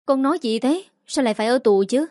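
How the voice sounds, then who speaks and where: A woman's voice: fairly high pitch, normal speed, a little mellow, dry recording, studio quality, natural voice. A woman voicing a scolding, sarcastic middle-aged mother-in-law in a read story. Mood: anxious questioning.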